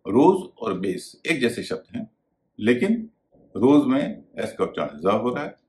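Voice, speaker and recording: A man's voice: medium pitch, very animated, measured pace, a little mellow. A man teaching English pronunciation in a video lesson, spelling out words letter by letter.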